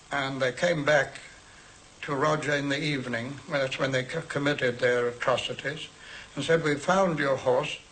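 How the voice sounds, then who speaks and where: A man's voice: on the high side, a bit bright, rough recording. A man recounting personal memories in an interview, plain and matter-of-fact. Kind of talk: interview recollection.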